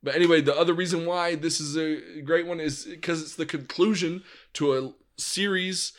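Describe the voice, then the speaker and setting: A man's voice: on the high side, steady tone, normal speed. A young man co-hosting a podcast in casual chat, joking and teasing his friend, a bit congested from allergies. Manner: joking, teasing, swears a lot. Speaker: podcast co-host.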